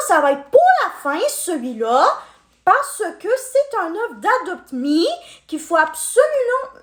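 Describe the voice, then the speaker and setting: A woman's voice: extremely high pitch, roomy sound. A woman in her twenties chatting to her viewers while unboxing toys, friendly and talkative. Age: 20s. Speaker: unboxing vlogger.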